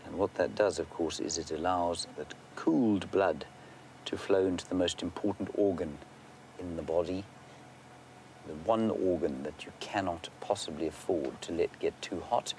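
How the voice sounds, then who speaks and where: A man working as a safari guide, giving unscripted live wildlife commentary and answering viewer questions, sometimes hushed toward a near-whisper. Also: low-pitched, normal speed. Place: outdoors in an open safari vehicle. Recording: outdoor vehicle and bush ambience noise.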